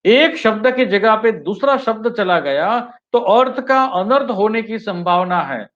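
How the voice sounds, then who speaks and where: High-voiced man giving an online training talk. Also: expressive, unhurried, fairly bright tone. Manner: addresses listeners as friends, often repeating "yes friends"; switches between Hindi and English sentences. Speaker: teacher trainer. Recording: dull lo-fi webinar audio.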